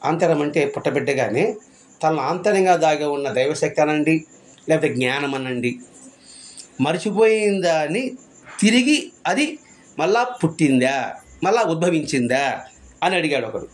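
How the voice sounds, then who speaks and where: A man's voice: on the high side, expressive, normal speed, pauses often. A man giving a devotional discourse, full of rhetorical questions and repeated phrases. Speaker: spiritual speaker.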